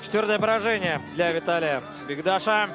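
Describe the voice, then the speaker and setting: A man gives live commentary on a mixed martial arts fight, his voice sitting high and brisk. Loud arena crowd noise and music play behind him.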